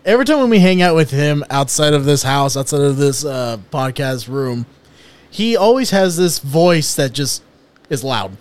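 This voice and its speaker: A man's voice: on the high side, expressive, normal speed. A man co-hosting a casual podcast chat who chimes in to needle the others. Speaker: podcast co-host.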